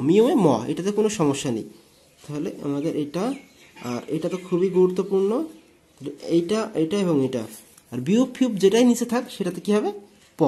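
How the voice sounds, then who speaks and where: A man's voice: high-pitched, dark tone. A man from Bangladesh teaching an online language lesson, explaining step by step and answering his own questions.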